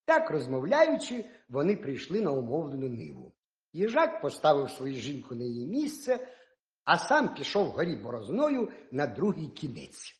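A man telling a folk tale to children in an animated, expressive storytelling voice. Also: a little high, normal speed, roomy sound.

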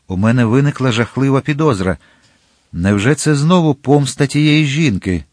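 A man's voice: mid-range voice, lively intonation, moderate pace, darkish tone, dry recording, studio quality, pitched above the performer's own voice, close to an everyday voice. A man voicing a young hot-headed guardsman in an audiobook, speaking urgently and emphatically. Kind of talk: audiobook character reading.

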